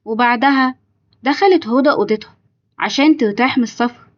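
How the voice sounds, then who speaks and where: A woman's voice: on the high side, a little fast, highs cut off. A woman with an Egyptian accent narrating a scripted dramatic story. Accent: Egyptian Arabic.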